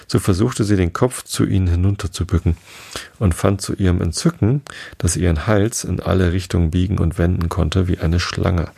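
A man's voice: sits low, vocal fry, darkish tone, slightly rough. A man narrating a children's storybook aloud, reading plainly with a few small slips.

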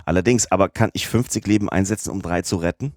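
A man's voice: low voice, quick pace, darkish tone, no room sound, clean studio sound, voice pushed up, close to an everyday voice. Man reading as a stern fort captain. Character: proud gruff fort commander, middle-aged man. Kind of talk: audiobook character voice.

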